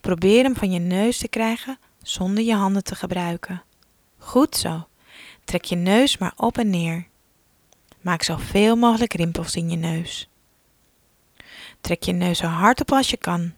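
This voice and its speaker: A woman leading a guided relaxation exercise for children, giving slow, soothing instructions that often drop to a soft whisper. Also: fairly low pitch, no echo.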